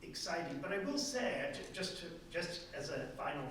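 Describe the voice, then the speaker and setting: A male art history professor answers an audience comment in a casual, chatty way, rambling, interrupting himself and restarting sentences. His voice is a little high and a bit bright, animated and slightly fast. He's far from the mic in an echoey hall, with a little hiss or hum.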